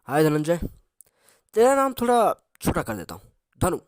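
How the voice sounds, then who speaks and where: Raj, a man doing a brisk, stern police chief. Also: a little high, wildly swooping pitch, no echo, clean studio sound. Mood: commanding. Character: commanding new police officer, brisk and stern.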